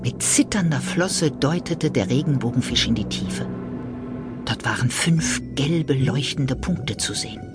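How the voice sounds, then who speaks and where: A woman narrating a children's audiobook in an expressive storytelling manner. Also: very deep voice, unhurried, loud music behind the voice.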